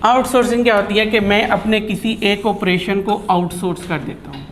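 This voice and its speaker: A man's voice: high-pitched, normal speed, a bit bright. Man, classroom lecture, chatty and teasing, some background noise. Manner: chatty and teasing, mixing English terms. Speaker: teacher.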